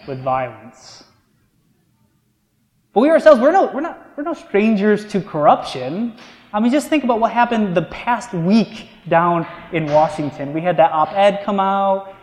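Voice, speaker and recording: A male pastor delivers a sermon, easing from casual storytelling into slow, weighty emphasis on key words. His voice sits a bit on the high side. The sound rings with the long reverb of a large church sanctuary. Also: a little mellow. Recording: echoey church hall.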